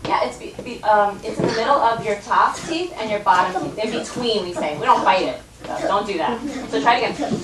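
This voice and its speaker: An American woman teaching a first grade phonics lesson, patient and encouraging, stretching out words slowly for a child to repeat. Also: mid-range voice, lively intonation. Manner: patient, encouraging, slow drawn-out modeling of sounds. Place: classroom. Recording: echoey room, voice from some distance, noisy.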